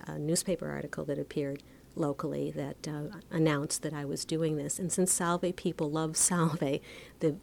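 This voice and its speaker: Woman, very low voice, reflective, halting, casual talk. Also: vocal fry, a little mellow, a little hiss or hum. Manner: reflective, halting with fillers and restarts. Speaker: book author.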